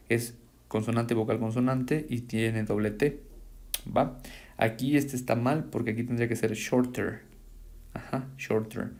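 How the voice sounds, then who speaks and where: A man's voice: on the low side, vocal fry, a little mellow. A man, a teacher patiently reviewing homework and explaining English grammar rules to students. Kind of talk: reviewing homework in a recorded lesson.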